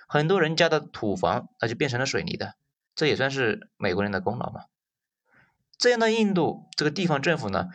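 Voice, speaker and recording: Wry male commentator with lively pitch. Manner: wry, sarcastic, with many drawn-out filler particles. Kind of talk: casual storytelling commentary.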